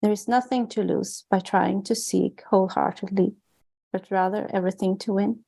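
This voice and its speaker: Swedish-accented woman author reading her book aloud, gravelly and mellow, flat delivery. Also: mid-range voice, rough recording. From Sweden. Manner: earnest, measured, with small restarts. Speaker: author and guest.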